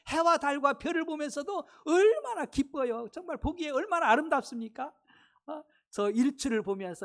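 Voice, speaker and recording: A man delivering a sermon in a church sanctuary. He talks to his congregation conversationally and keeps asking them rhetorical questions. His volume swings widely, from loud exclamations down to quiet, hushed asides. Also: extremely high pitch. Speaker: pastor.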